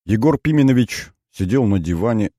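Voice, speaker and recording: A man reads a first-person novel in an unhurried, measured way. His voice sits very low with a dark, mellow color. The recording is dry and close to the mic. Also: lively intonation, no echo. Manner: measured, storytelling. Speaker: audiobook narrator.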